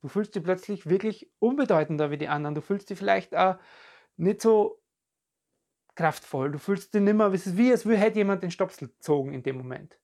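A podcast coach giving a calm, reflective self-help talk straight to the listener, often searching for words and repeating phrases. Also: mid-range voice, fairly quick. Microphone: podcast and video recording.

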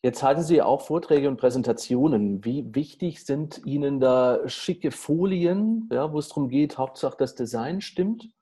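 A man's voice: mid-range voice, lively intonation, normal speed, hardly any pauses, dark tone, breathy edge. A man interviewing a guest, asking polite, formal questions.

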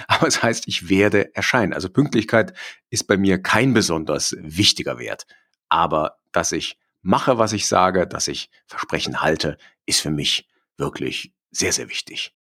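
A German man with a very low, deep voice hosts a solo podcast from his study at home. He talks in a reflective, personal way and often pauses on filler sounds as he thinks. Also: a bit bright. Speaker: podcast host.

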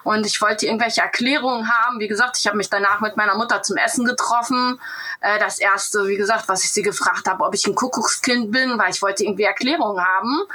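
A woman guest speaks in a bright, sharp-edged voice. She tells her story haltingly and slips into retold conversations as she goes. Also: mid-range voice, fairly even intonation. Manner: hesitant, retells conversations as quoted dialogue. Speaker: interview guest. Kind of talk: personal storytelling in an interview.

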